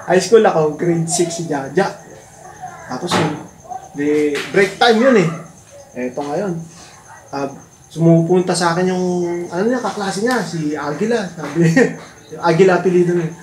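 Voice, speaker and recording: A man's voice: on the high side, unhurried, a little mellow, roomy sound. A man recounts childhood stories in a casual family chat. He laughs often as he talks. A noisy room hums behind him. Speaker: storyteller.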